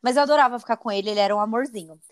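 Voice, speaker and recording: Young woman, fairly high voice, casual podcast chat, lively slangy storytelling. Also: racing. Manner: animated storytelling, slangy and profane.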